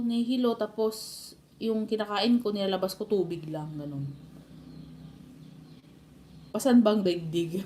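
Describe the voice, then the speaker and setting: A woman with a Filipino accent chats casually on a live stream, sharing family stories with her viewers and laughing a lot. Her voice is medium-pitched with a dark tone, and there's slight background noise.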